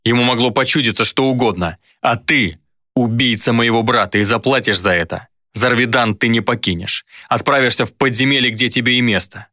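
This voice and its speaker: A man's voice: medium pitch, fairly quick, bright, forceful tone, no echo, studio quality, lightly acted. A man voicing a stern uncle who is harsh and accusing, with the command of an angry noble.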